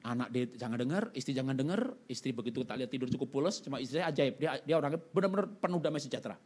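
A middle-aged man preaching a sermon testimony, telling his story with animated swings from loud outbursts to hushed pleading. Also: mid-range voice, rapid-fire, breathy edge.

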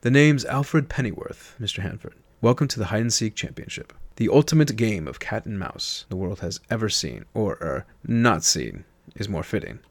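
A man voicing a refined British butler with a smooth, articulate, courteous manner in a storybook reading. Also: lowish voice, animated, moderate pace, no room sound. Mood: polished.

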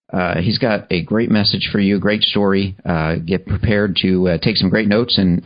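A man hosting a podcast, introducing his guest in a halting way full of fillers. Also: low voice, lo-fi sound. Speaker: podcast host.

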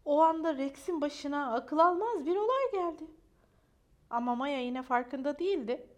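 A woman reading a bedtime story to young children in a sweet, animated, drawn-out way. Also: high voice.

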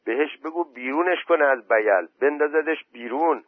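A man's voice: a little high, dry recording, voice pushed up, close to an everyday voice. A man doing a scornful, mocking villager. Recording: dry phone-like voice message.

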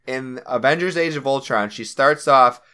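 A man's voice: medium pitch, normal speed, bright, forceful tone, clear, resonant tone. A young man co-hosting a casual podcast, rambling enthusiastically about movies. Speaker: podcast co-host. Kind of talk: casual chat.

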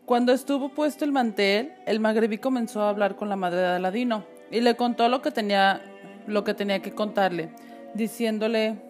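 A woman hosting a storytelling show, reading a folk tale aloud in a relaxed way, with restarts and casual asides. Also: mid-range voice, normal speed, soft background music. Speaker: host and storyteller.

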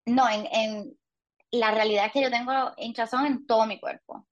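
A woman's voice: fairly high pitch, steady tone, moderate pace, lo-fi sound. A woman in her thirties with a Puerto Rican Spanish accent, talking candidly as a podcast guest with light self-mocking humor. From Puerto Rico. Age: 30s. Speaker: guest, patient. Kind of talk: casual podcast interview.

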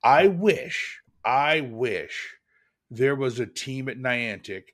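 Podcast co-host, male, a father. Casual, animated, slips into exaggerated voices when quoting. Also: mid-range voice, takes it slowly. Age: adult with kids. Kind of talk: casual chat.

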